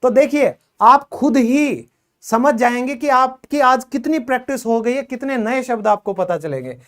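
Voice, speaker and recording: A man's voice: extremely high pitch, expressive, measured pace, fairly bright tone. A man teaching English phonics, explaining in Hindi, praising and quizzing his students as he goes. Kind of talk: classroom phonics lesson.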